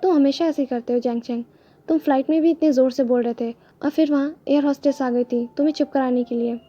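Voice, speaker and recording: A woman's voice: high voice, steady tone, fast talker, warm tone, lo-fi sound. A woman voicing a playful, cheeky young man in a read-aloud story, teasing and mock-innocent.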